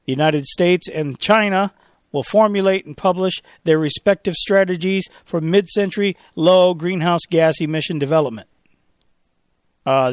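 A talk radio host, a man with a somewhat high voice, recorded close and dry in a studio. He reads official statements and cuts in with sarcastic, mocking asides aimed at his listeners. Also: no room sound. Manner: sarcastic, mocking, reads documents aloud with commentary. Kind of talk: opinionated talk radio monologue.

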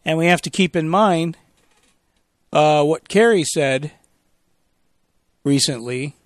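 A talk radio host, a man with a somewhat high voice, recorded close and dry in a studio. He reads official statements and cuts in with sarcastic, mocking asides aimed at his listeners. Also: slow pace, no room sound. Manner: sarcastic, mocking, reads documents aloud with commentary. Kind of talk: opinionated talk radio monologue.

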